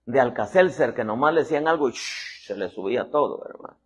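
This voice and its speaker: An animated apostle preaches, slipping into character voices and calling everyone "hermano" again and again. He talks fairly quickly in a mid-range voice with a breathy edge.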